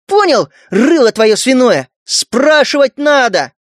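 A man voicing a coarse, loud mutant woman in an audiobook, yelling insults. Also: very high voice, very animated, moderate pace, dry recording, clean studio sound, pitched above the performer's own voice, full character voice. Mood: furious. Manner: shouting, spitting insults.

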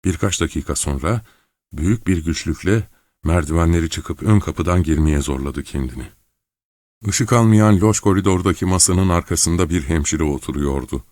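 Deep-voiced man narrating an audiobook. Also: no room sound. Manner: steady, measured storytelling. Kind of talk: scripted narration.

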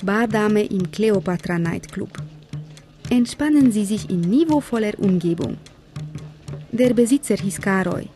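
A woman's voice: mid-range voice, animated, a little slow, mellow, soft background music, lightly acted. An actress playing a wry young Hungarian woman who narrates her life in a radio drama in clipped inner monologue. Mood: wry, restrained. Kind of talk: scripted first-person radio drama narration.

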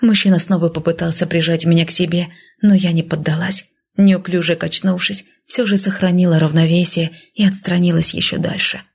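A woman giving a soft, hushed first-person audiobook narration. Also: lowish voice, fairly even intonation, a little fast, creaky, husky.

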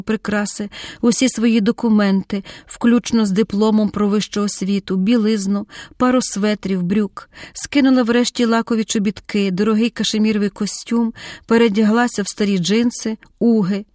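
A woman reading a dramatic audiobook in a measured, vivid storytelling voice. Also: medium pitch, fairly even intonation, darkish tone, no room sound, studio quality. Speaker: audiobook narrator.

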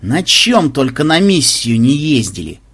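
A man voicing a gruff, grumbling older grandfather who is a soldier, in an audiobook. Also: mid-range voice, very animated, normal speed. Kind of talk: audiobook voice acting.

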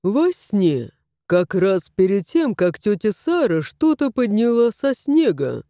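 A woman's voice: mid-range voice, big pitch swings, slow pace, dark tone, dry recording, studio quality. A woman voicing a lazy, smug male house cat who drawls mocking remarks, in a fairy-tale audiobook. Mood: dreamy.

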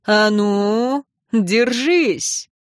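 A tired emperor with a low, restrained delivery, his words held back and quietly bitter, as a woman narrator lowers her voice for him, in a dry audiobook reading. He sounds like a stern father who carries his worries without raising his voice. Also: drawn-out words, no echo. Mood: playful.

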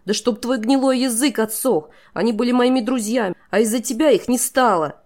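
A woman voicing a fierce fifteen-year-old captive girl who shouts in rage, in an audiobook. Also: mid-range voice, normal speed, voice pushed up, natural voice. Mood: furious.

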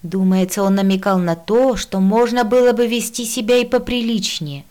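A woman's voice: medium pitch, normal speed, mellow. Woman narrating an audiobook expressively. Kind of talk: first-person audiobook narration.

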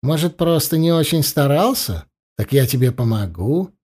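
A man playing a cunning, menacing young ruler who talks with mocking gentleness. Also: a little high, very animated, moderate pace, slightly rough. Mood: falsely gentle. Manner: coaxing, mockingly gentle, threatening.

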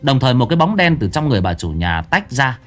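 Man telling a lively ghost story. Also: mid-range voice, quick pace, over loud music.

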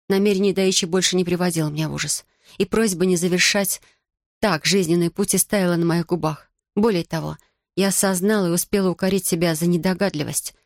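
Woman reading an audiobook, low and dry. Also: no room sound. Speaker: audiobook narrator. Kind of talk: first-person audiobook narration.

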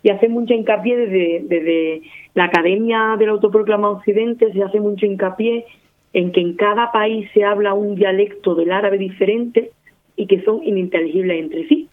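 Heard over a narrow, phone-like recording, a woman with an Andalusian accent argues her position in casual radio talk, illustrating it with repeated examples. She's a guest running a language-teaching project, and her medium-pitched voice stays fairly even at a moderate pace.

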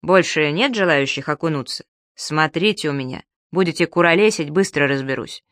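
A woman's voice: sits low, normal speed, a bit bright, no echo, studio quality. A woman voicing a stern, threatening young male swim coach in an audiobook.

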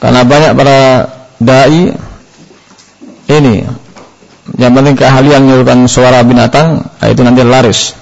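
Gravelly man giving an Islamic Q&A lecture. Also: mid-range voice, steady tone. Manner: unhurried, with frequent "nah" fillers. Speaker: Islamic teacher answering questions. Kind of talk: religious Q&A lecture. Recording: dull lo-fi lecture recording.

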